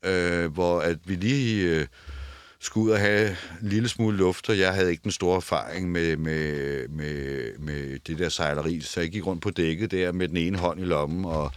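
A man's voice: deep voice, steady tone, clean tone, dry recording. An older man being interviewed in a studio, talking casually and stammering, often repeating words and restarting. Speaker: interview guest. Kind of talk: casual conversation. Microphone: headphones and studio mic.

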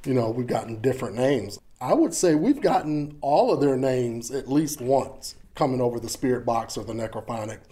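A man's voice: mid-range voice, lively intonation, normal speed, hardly any pauses, mellow. A man working as a paranormal investigator, explaining what he has found in a conversational way. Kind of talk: casual on-location talk.

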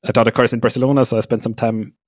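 A man's voice: medium pitch, rapid-fire, no room sound. A man from Austria, a podcast guest, chatting casually with frequent laughs and fillers. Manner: relaxed, laughs often, many fillers. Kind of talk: casual interview conversation.

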